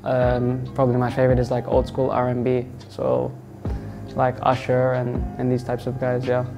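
A young man from Australia, a football player answering interview questions in a relaxed, halting way with many fillers. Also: mid-range voice, gravelly. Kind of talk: sit-down interview. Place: indoors in front of a wall of football boots. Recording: music playing underneath.

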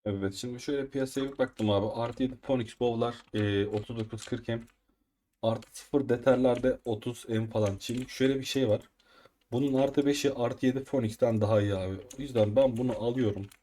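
Gaming host, male, mid-pitched, chatty play-by-play, easily riled, keyboard clatter behind. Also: fairly quick, a little hiss or hum. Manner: excitable, frustrated outbursts while upgrading items. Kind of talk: casual gameplay commentary. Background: keyboard typing and mouse clicks.

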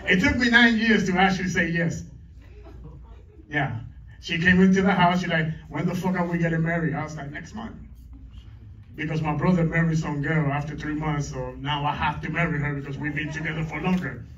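Middle-aged man, stand-up comedy, crude crowd banter, slightly high voice, echoey distant lo-fi sound. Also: a little fast, a bit bright. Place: comedy club stage. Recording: echoey club, distant mic, dull lo-fi.

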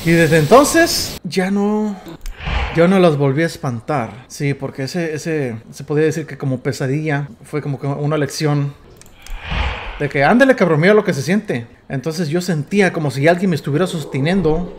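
A Mexican man commentating his gameplay casually, excitable and quick to swear, stammering as he tells stories. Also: a little high, slight background noise. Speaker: gamer. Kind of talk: casual let's play commentary.

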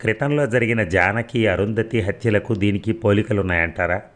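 A calm, firm detective with a steady, reassuring way of speaking, as a man reads him. The voice is deep and low, read from an audio novel. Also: normal speed, natural voice.

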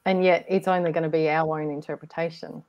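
A woman co-hosting a casual online discussion, reflective and gently encouraging, often restarting her sentences. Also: deep voice, flat delivery, quick pace, highs cut off. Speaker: co-host. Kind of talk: casual group discussion on a video call.

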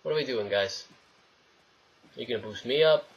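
Speaking at a normal speed in a husky, medium-pitched voice, this young man narrates his gameplay with casual, wry remarks. He swears and talks back to the characters as a let's play host. The audio is noisy, with game sound underneath.

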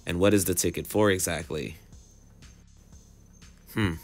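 Steady, unhurried, and a little mellow, the man's low voice carries a musing street-and-car phone vlog with music underneath. He's in his thirties, moved to California in 2005, and his casual observations are full of repeated phrases and rhetorical questions.

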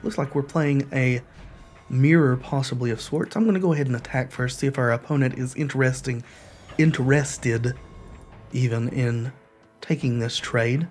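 Still getting over a cold, a man commentates his own online card game, first explaining card rules and then muttering along with the plays. His medium-pitched, slightly mellow voice moves at a moderate pace over soft background music in this casual commentary.

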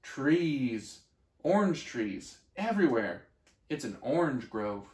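A man voicing a friendly, calm young orange tree who talks in a gentle, reassuring way. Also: mid-range voice, slow, echoey room.

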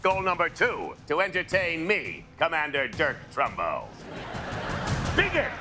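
Pompous, animated superhero commander. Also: male voice, fairly high pitch, measured pace, music in the background. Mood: pompous, showy. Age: middle-aged. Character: showy, callous middle-aged male superhero contest commander. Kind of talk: sitcom acting.

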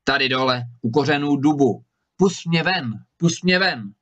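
A man's voice: mid-range voice, a bit bright, close to an everyday voice. A man voicing a huge menacing male spirit trapped in a bottle, who thunders threats and wails pleas in a storybook reading. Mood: pleading. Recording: slightly dull recording.

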